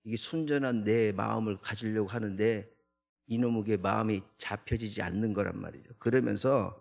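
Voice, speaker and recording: Man, pastor, gravelly voice, early morning church sermon, chatty rhetorical questions. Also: on the low side, moderate pace. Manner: conversational, with frequent rhetorical "eh?" tags; acts out the psalmist's protests in a raised voice. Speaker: junior pastor. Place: church sanctuary.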